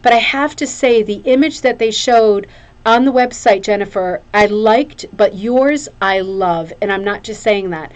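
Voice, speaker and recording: A woman's voice: medium pitch, unhurried. Chatty, effusive woman hosting a craft show. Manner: effusive, gushing over items, repeats phrases for emphasis. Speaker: craft show host presenting viewers' hooked rugs. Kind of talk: casual chatty show-and-tell.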